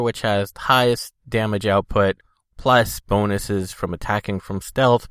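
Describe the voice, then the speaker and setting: A man's voice: medium pitch, a bit bright, clean tone, no echo, studio quality. A man hosting a casual solo podcast, rambling informally, congested with a cold and talking a little thickly from a swollen tongue. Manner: informal, loosely hedged rambling. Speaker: podcast host.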